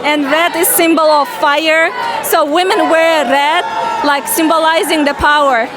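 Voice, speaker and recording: A woman from Uzbekistan explaining her costume loudly and emphatically. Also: high-pitched, fairly even intonation, measured pace, a loud crowd. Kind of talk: casual explaining. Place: busy reception event. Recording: noisy crowded reception hall.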